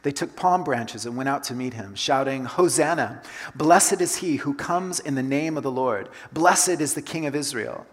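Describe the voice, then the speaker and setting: A man's voice: medium pitch, moderate pace. Man preaching in a reverberant church. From Colombia. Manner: conversational, repeats key phrases for emphasis. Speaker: pastor. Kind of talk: sermon. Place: church sanctuary. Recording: long hall reverb.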